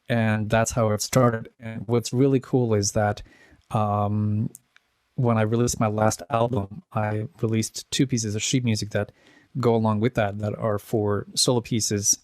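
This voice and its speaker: Heard in studio quality with no echo, this Czech man in his forties talks in a lowish, level voice at a measured pace. As a pianist and composer being interviewed casually, he wanders off track, corrects himself and laughs softly at his own anecdotes.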